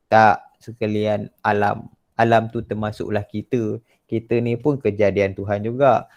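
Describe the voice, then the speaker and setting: A man with a Malaysian Malay accent teaching an online Quran class, drilling the pronunciation of Arabic letters by slowly repeating syllables. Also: on the low side, darkish tone. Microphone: video call.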